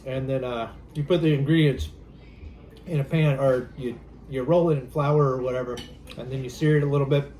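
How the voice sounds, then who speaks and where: A man's voice: mid-range voice, steady tone, a little fast, dark tone, a little hiss or hum. Chatty Southern man from Louisiana. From Louisiana, USA. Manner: chatty, easygoing, rambling with fillers. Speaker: channel host. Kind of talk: casual cooking vlog. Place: home kitchen.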